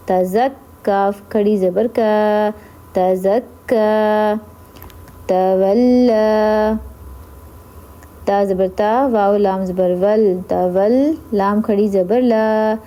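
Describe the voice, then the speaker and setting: A woman teaching Quran reading who spells out letters and vowel marks, then repeats each word slowly, humming doubled letters through the nose. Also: mid-range voice, dark tone. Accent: Urdu. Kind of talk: slow spelled-out recitation lesson.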